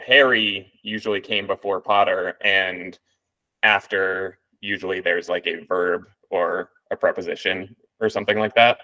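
A man's voice: low voice, pushed and bright, poor audio. A man presenting a machine learning paper to a reading group, in a casual walkthrough with many ums and restarts.

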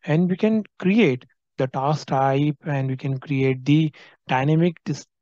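A man walking through a software screen recording as a trainer, explaining each field and often checking in with "right?". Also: fairly high pitch, unhurried, no room sound, dull audio. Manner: explanatory, frequent tag "right?".

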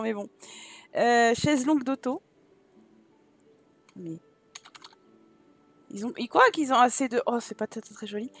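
A woman's voice: a little high, creaky, no echo. A woman with a southern French accent giving casual let's-play commentary, chatting to her viewers and thinking aloud as she decorates. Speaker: gaming YouTuber.

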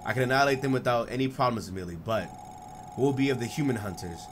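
A man voicing a powerful, calm, otherworldly male guardian, speaking slow, grave and low, reading game dialogue aloud. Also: noisy background, natural voice.

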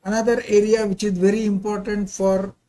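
A man's voice: high voice, little pitch movement, a little fast, warm tone. An older man giving a slide lecture over a video call in non-native-sounding English, courteous and given to informal, rambling asides. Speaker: visiting pharmacy professor and associate dean.

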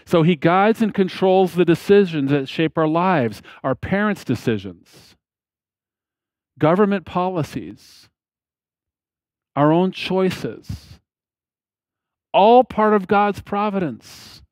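Slow, deliberate preaching man. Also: sits high, expressive, a little mellow, no room sound. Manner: slow, deliberate preaching with emphatic pauses and dropping phrase ends. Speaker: pastor. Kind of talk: sermon. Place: church platform behind a lectern, indoors. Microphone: headset mic.

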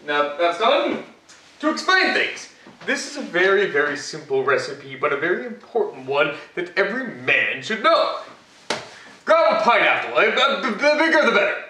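Putting on a full character voice, a young man plays Batman as a cocky, bragging host of a comic cooking demonstration, rambling with fillers in his home kitchen. He is high-pitched and sing-song at a measured pace, his tone pushed and bright. The distant camera mic catches echo and slight background noise.

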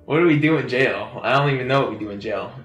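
A man chats through a movie review in quick, blunt, joking bursts. His voice is bright and forward. It carries a roomy echo with faint music behind it. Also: mid-range voice. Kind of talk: casual comedic movie review chat.

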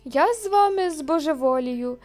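A woman's voice: sits high, lively intonation, measured pace, a little mellow, faint music behind, pitched above the performer's own voice. A woman voicing a clever, exasperated owl in a children's audio storybook, lecturing the others. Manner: lecturing, scolding.

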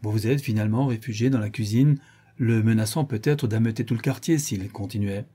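A man reading an audiobook, voicing a stern, shrewd woman who questions her servants in a measured, deliberate way. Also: on the low side, warm tone, husky. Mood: cold.

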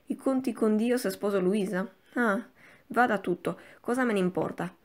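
A woman's voice: medium pitch, normal speed, natural voice. A woman voicing a proud, hot-tempered young nobleman who answers curtly and breaks into angry outbursts, for an audiobook. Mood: furious. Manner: curt, defiant, bursts into angry tirades.

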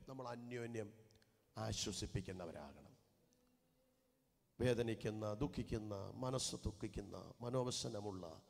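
A male pastor with a Keralite Malayalam accent, preaching a sermon. He swings from soft murmurs to loud, fervent preaching and repeats phrases with rising intensity. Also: on the low side. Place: church hall. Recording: reverberant church hall.

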